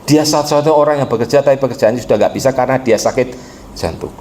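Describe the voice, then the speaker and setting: A man preaching a sermon, calling out to the congregation and swinging between quiet storytelling and impassioned exhortation. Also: mid-range voice, racing, slight background noise. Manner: addresses the congregation directly. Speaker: pastor.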